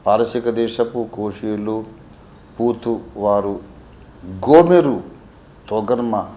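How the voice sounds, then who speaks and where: A man from Warangal, a pastor teaching a Bible sermon, swinging between quiet asides and emphatic peaks. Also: on the low side, takes it slowly, echoey room. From Warangal, India.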